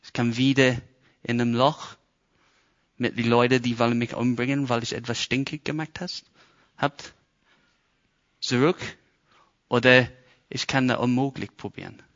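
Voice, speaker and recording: A British man preaches a sermon in broken German, speaking with an English accent. He tells the story with animation, slipping into the voices of the people in it. His tone is bright and a little dull, as if from a lo-fi recording. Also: medium pitch, level tone, moderate pace, long pauses. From Britain.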